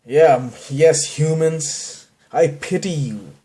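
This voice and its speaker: Speaking slowly in a dark-toned voice on the high side, a Bangladeshi man with a Bangladeshi accent hosts a podcast. The monologue is rambling and self-deprecating, and it keeps trailing off and restarting.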